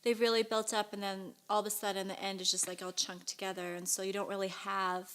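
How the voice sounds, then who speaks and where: A woman's voice: medium pitch, level tone, fast talker, fairly bright tone. A young woman co-hosting a casual comics chat, laid-back and teasing. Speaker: podcast co-host.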